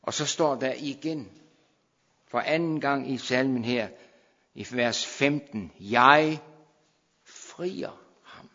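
A man preaching a sermon, moving between quiet explanation and loud, shouted proclamation. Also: medium pitch, long pauses, big-room sound, lo-fi sound.

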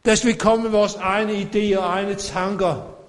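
A man's voice: high-pitched, fairly even intonation, big-room sound. A man preaching a sermon to a congregation, fervent and calling out. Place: church.

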